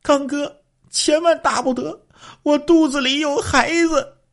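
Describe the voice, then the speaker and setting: A man's voice: very high voice, fairly even intonation, a little slow, voice pushed up. A man voicing a frightened young wife, pleading tearfully with her husband. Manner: tearful, begging.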